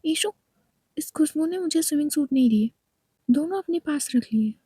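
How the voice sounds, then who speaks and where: A woman voicing a whiny young woman who takes offence easily and complains loudly. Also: high voice, fairly quick, no echo, lightly acted. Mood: complaining. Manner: loud, complaining, tearful pleading.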